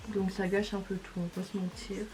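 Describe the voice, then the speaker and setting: A woman's voice: medium pitch, level tone, brisk, warm tone, faint music behind, poor audio. A woman, casually talking through each step of a makeup tutorial. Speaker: beauty vlogger.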